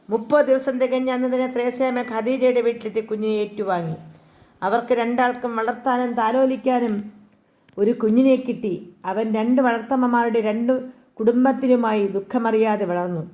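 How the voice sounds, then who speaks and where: A woman narrating a literary folk tale in a deliberate, careful reading style. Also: a little high, darkish tone, lo-fi sound. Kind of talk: storybook narration.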